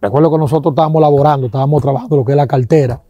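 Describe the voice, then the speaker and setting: A man with a Dominican accent giving an animated testimony, acting out sounds and quoting people, with religious exclamations. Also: on the high side, very fast, dry recording.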